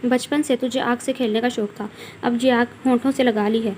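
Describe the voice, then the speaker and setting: A woman's voice: fairly high pitch, fairly even intonation, normal speed, a little mellow, a little hiss or hum, close to an everyday voice. A woman voicing a young village woman who fondly scolds like a mother, in a read-aloud story. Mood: teasing scold.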